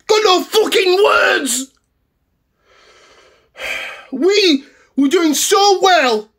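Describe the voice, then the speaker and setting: A man playing a furious high-voiced football fan. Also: slow pace, exaggerated voice. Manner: angry, swearing, shouting in bursts. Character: furious English male football fan ranting. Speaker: comedy character. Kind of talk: comedy sketch rant.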